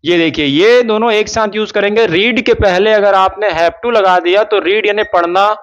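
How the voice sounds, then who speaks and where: A man teaching a spoken English lesson in Hindi, drawing out his English example sentences slowly. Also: sits high, fairly bright tone. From India. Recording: dull lo-fi sound.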